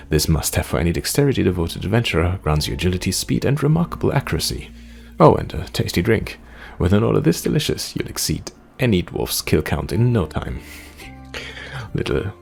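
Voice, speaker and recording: A gamer playing through a demo reads the game's text aloud expressively and adds casual commentary. His voice is low, creaky and a little mellow.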